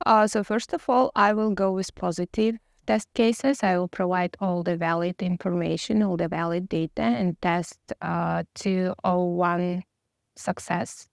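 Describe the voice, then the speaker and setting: A woman interview candidate gives technical answers in a formal, slightly nervous way. Her voice is smooth and clean with creaky edges, and hesitations break up her sentences. The sound is dry, with very little room echo. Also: on the low side, steady tone, a little slow.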